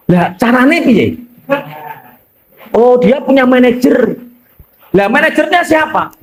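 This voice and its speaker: A Javanese-accented male preacher telling a story as a sermon. His delivery is lively and joking, broken up by frequent asides to his listeners. His voice sits unusually high. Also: roomy sound.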